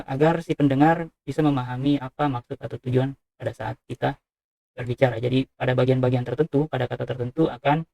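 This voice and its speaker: A man's voice: mid-range voice, vocal fry, dark tone, no room sound, muffled recording. A man giving a university lecture, explaining step by step with frequent "eh" fillers. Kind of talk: recorded lecture on speech sounds.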